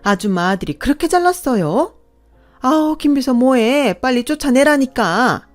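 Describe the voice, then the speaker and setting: A woman's voice: fairly high pitch, animated, moderate pace, darkish tone, faint music behind, natural voice. A woman voicing a wealthy, fiercely protective middle-aged woman who talks indignantly and gives orders. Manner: indignant, commanding.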